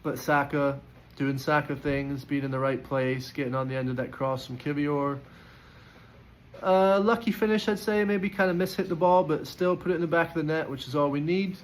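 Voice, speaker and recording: A man's voice: fairly high pitch, fairly even intonation, moderate pace, poor audio. Chatty man rating players, faint noise. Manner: chatty, opinionated, lots of fillers and restarts. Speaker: football fan giving player ratings. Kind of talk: casual post-match reaction.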